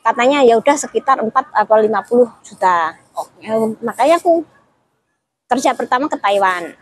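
Husky woman telling her story. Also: on the high side, lively intonation, moderate pace, rough recording. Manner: tells her story with quoted dialogue, many restarts. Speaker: interview guest. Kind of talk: casual chat.

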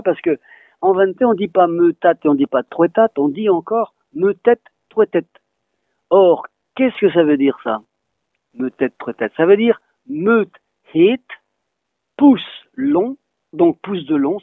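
A man with a gravelly, creaky voice that rises and falls a lot as he explains, spelling words out letter by letter. The sound is thin and phone-like, with a dry, close feel and no room echo. He talks like a patient teacher answering an interviewer. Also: on the high side, expressive, normal speed. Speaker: Breton language teacher.

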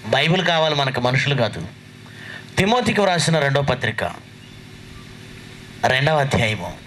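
A man's voice: medium pitch, very animated, moderate pace, fairly bright tone, a little hiss or hum, low-quality recording. A man, a pastor preaching a sermon, who presses his listeners with scolding rhetorical questions.

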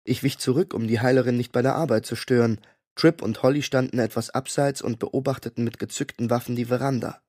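Male audiobook narrator, husky, dry close sound, measured pace. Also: medium pitch, steady tone, darkish tone, dry recording. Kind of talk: scripted narration.

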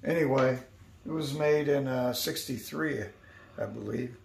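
A man's voice: medium pitch, unhurried, creaky, a little mellow. A man in his sixties, an artist showing his studio, telling stories in a rambling way full of fillers. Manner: rambling storyteller, many fillers. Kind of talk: casual guided tour. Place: indoor art studio. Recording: echoey room, distant mic, faint hiss.

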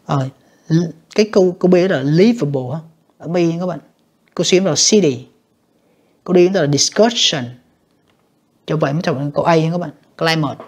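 A husky, darkish mid-range voice at a moderate pace, with long pauses, belongs to an English teacher reviewing exam questions. The teacher reads each English option aloud, translates it, judges it for the students, and often addresses them as "các bạn".

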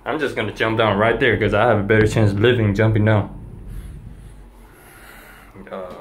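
A man's voice: fairly low pitch, flat delivery, normal speed, roomy sound. A nervous man vlogging on his phone in a mountain cable car, swearing often and talking himself through his fear of heights. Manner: drops to a hushed whisper at times. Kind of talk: casual vlog commentary. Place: outdoors in a gondola cable car high over mountains. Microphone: handheld phone. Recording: phone recording with wind and vehicle noise. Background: wind whistling and cable car hum.

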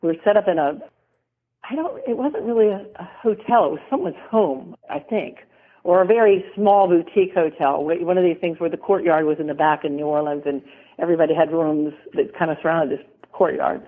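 A Southern woman in middle age, once a model, is a guest in a casual interview, wandering from topic to topic and laughing a lot. She speaks a little fast at a fairly low pitch, and the recording has a tinny phone-line sound.

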